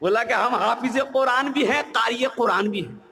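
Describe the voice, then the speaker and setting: A man's voice: extremely high pitch, moderate pace, vocal fry. A man preaching, telling a humorous story in a sermon and acting out the voices of its people. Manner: animated, acts out voices, shouts at times.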